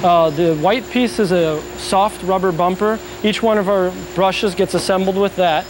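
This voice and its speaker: A man in his thirties giving a steady, informative explanation of how products are made, during an on-site factory tour. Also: high voice, normal speed. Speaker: factory guide explaining brush making. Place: factory floor with machines running. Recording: noisy factory floor.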